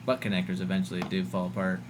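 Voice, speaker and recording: This livestreamer speaks low and monotone at a quick pace against a noisy background. Casually venting his exasperation to chat, he swears a lot and mocks the voices he quotes.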